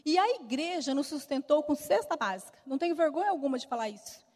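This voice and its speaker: A middle-aged woman with a Brazilian Portuguese accent sharing a personal testimony with lively storytelling and acted-out dialogue, in a church hall. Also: sits high, fast talker. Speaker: speaker giving a testimony. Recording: long reverb of a large hall.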